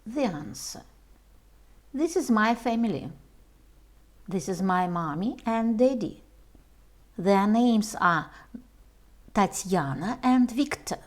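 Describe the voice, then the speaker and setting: A woman reading a homework lesson aloud for young children, slowly and carefully, as their English teacher. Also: medium pitch, animated.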